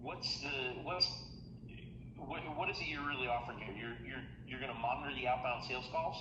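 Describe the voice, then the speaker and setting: A man's voice: mid-range voice, a little fast, background noise. A business owner answering a sales call from his parked car, friendly and full of questions. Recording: echoey phone call.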